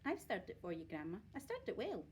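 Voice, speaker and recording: A woman's voice: medium pitch, wildly swooping pitch, a little fast, a little hiss or hum. A woman voicing a polite, put-upon eight-year-old boy, meek and earnest, in a storybook reading.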